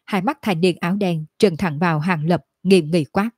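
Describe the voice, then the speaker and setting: Husky low-voiced woman narrator. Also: normal speed, a little mellow, no room sound, studio quality. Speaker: audiobook narrator. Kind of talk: scripted narration of a fantasy novel.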